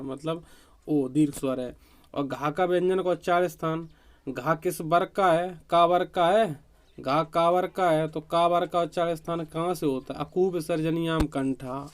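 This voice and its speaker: A man's voice: on the high side, clean tone. A man teaching a grammar quiz to exam students, repeating each question and answer. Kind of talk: online exam-prep quiz lesson.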